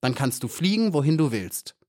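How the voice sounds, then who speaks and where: A man reading aloud, voicing a proud, rough male hornet guard with a blunt manner. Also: mid-range voice, very animated, moderate pace, warm tone, voice pushed up, natural voice. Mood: pleading.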